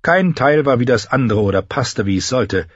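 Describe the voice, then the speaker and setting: A man's voice: mid-range voice, expressive, normal speed, husky, no room sound. A man reading fantasy fiction aloud as an audiobook narrator. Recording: dull lo-fi recording.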